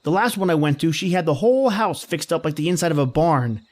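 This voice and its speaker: Acting in an old-time 1930s radio play, a man voices a slangy young fiancé who grumbles and cracks wise about the party his boss-lady is throwing, sounding exasperated and sardonic. He talks fast in a natural, fairly high and expressive voice.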